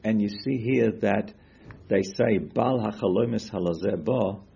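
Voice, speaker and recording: A man's voice: on the low side, a little slow, creaky, warm tone, husky, lo-fi sound. A man teaching a Torah class, asking questions and quoting Hebrew sources as he explains them.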